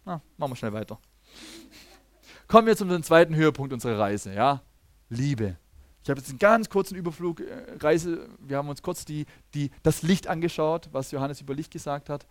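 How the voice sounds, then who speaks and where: A man giving a teaching sermon, talking lively, often checking in with listeners and acting out the people he quotes, with frequent restarts. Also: fairly high pitch, moderate pace, no echo. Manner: restarts sentences and acts out quoted speakers. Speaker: preacher.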